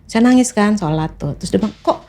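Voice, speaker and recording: A middle-aged woman, a podcast guest, telling a story with animated acted-out dialogue and frequent laughs. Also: mid-range voice, fast. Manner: acts out dialogue with lively voices, laughs often. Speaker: podcast guest, English teacher.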